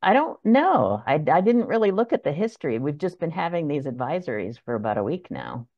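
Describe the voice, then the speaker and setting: A gravelly speaker heard over a group video call with dull, lo-fi audio. They host the chat and talk casually in loose, run-on phrases, as if calling in from home. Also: mid-range voice, very animated, a little fast. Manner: chatty, tells things in loose run-on phrases.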